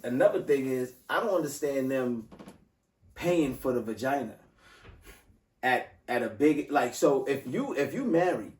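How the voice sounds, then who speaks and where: A man's voice: mid-range voice, animated, a little slow, a little mellow, distant mic. A man hosting a casual podcast chat, loose and slangy, often restarting his sentences. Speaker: podcast host. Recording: roomy sound from off mic.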